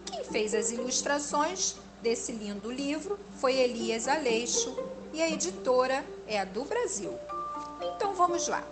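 A woman reading a children's story aloud, slow, expressive and gentle. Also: high voice. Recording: instrumental music behind the voice.

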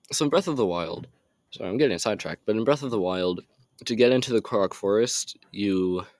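A teenage boy talks through a game's story in an unhurried, meandering way, often drifting off track. His voice sits on the low side and sounds dry and close. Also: dry recording. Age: teens. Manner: rambling, easily sidetracked, apologetic asides. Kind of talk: casual game recap.

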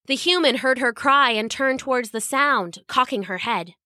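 A woman narrating a children's storybook in an expressive, lively reading. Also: high-pitched, moderate pace, dry recording, clean studio sound.

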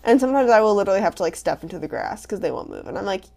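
A young woman co-hosting a podcast, telling stories in a casual, animated way with lots of "like" fillers. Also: mid-range voice, racing, creaky. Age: young adult. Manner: animated storytelling, many "like" fillers. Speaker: podcast co-host. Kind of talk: casual chat.

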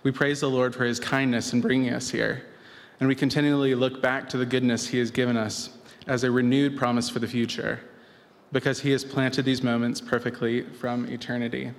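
Guy reading out a mission testimony, earnest and measured, reverby room. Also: medium pitch, flat delivery. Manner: measured, earnest, formal wording. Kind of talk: personal testimony. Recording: echoey hall with faint noise.

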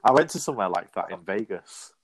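Male co-host, lowish voice, relaxed, matter-of-fact chat. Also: fast, a little hiss or hum. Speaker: podcast co-host. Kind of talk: casual chat about reality TV.

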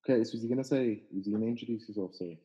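A man's voice: on the low side, rapid-fire, slightly rough, muffled recording. A young man with a British urban roadman accent, hosting a casual group podcast with slangy banter. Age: young adult. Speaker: podcast host.

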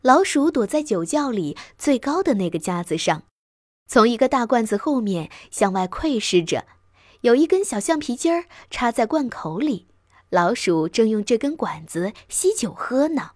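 A woman narrates a bedtime story with an expressive, lively delivery. Her pitch sits fairly high and moves a great deal. The sound is dry and close. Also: normal speed, dry recording.

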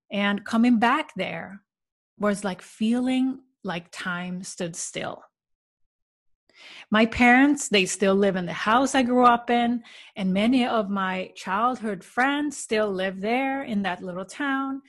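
A woman from Sweden, hosting a self-help podcast in a calm, earnest, coaching way. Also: mid-range voice. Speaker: podcast host.

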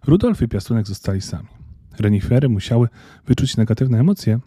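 A man narrating a children's storybook in a calm, measured reading. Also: mid-range voice, slightly rough, dry recording, studio quality. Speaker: audiobook narrator.

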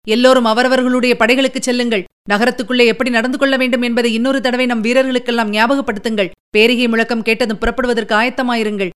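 A woman voicing a calm, authoritative male emperor in an audiobook. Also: fairly high pitch, quick pace, clean tone, lightly acted. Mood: composed. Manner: composed, authoritative. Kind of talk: audiobook character reading.

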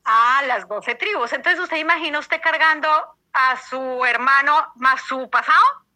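A woman's voice: high-pitched, a little slow, pushed and bright, low-quality recording. A woman preaching a sermon to her congregation, emphatic, repeating her phrases and firing questions at the listeners.

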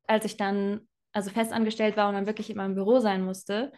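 A reflective young woman, bilingual in German and Spanish, speaks as a chatty guest in a casual interview; she is self-employed in personal branding. Her medium-pitched voice is level and darkish, her pace fairly quick, and she uses many fillers and laughs often.

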